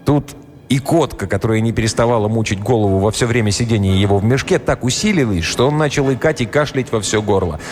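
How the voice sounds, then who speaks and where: A man reading a story aloud as an audiobook narrator, in expressive storytelling narration. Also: on the low side, fast. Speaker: audiobook reader. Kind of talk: scripted narration. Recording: roomy reverb, soft music behind.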